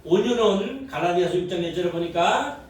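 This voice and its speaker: A man's voice: high voice, lively intonation, fairly quick. Male pastor preaching in an echoey sanctuary. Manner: interactive preaching, quizzing the congregation, acting out worldly reactions. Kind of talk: sermon. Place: church sanctuary. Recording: very echoey hall, voice from far off, faint noise.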